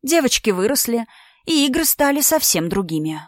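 A woman's voice: a little high, sing-song, normal speed, no room sound, studio quality, voice pushed up. A woman reading a storybook part, voicing a spiteful, mocking woman in her thirties who is about to marry, with a raised, sarcastic voice. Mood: taunting. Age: 30s. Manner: sneering, sarcastic, theatrical.

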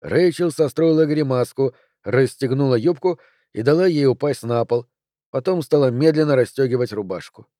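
A man reading an audiobook in calm first-person narration. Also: mid-range voice, moderate pace, no room sound, clean studio sound. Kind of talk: scripted narration.

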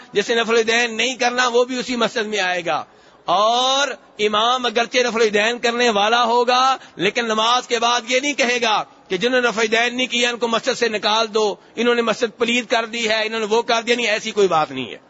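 Male preacher, hadith sermon, high bright voice, repeats phrases, muffled lo-fi sound. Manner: explains by repeating phrases, recites Arabic slowly then translates. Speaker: Islamic preacher.

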